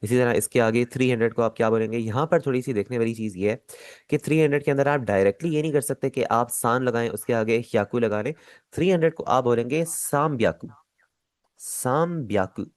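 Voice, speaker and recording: A man with a Pakistani Urdu accent, teaching an online language lesson, patient and repeating each step slowly. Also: mid-range voice, darkish tone, dry recording.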